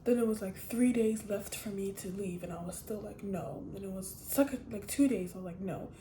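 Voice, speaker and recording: A woman's voice: mid-range voice, normal speed, mellow, reverberant, slight background noise. A teenage girl chatting casually to the camera, telling a rambling personal story with many restarts. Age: teens. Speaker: vlogger. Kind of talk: casual chat.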